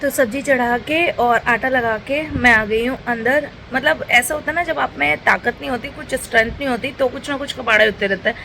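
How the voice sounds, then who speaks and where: A woman's voice: high voice, moderate pace, few pauses, bright, forceful tone. A young woman chatting casually in a home vlog, talking to her viewers about her day. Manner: chatty, switching to sing-song baby talk with her toddler. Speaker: vlogger. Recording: noisy home recording.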